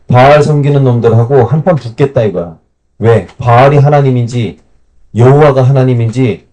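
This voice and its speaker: A man teaching a Bible camp class, retelling stories in lively, colloquial speech and putting questions to his listeners. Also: medium pitch.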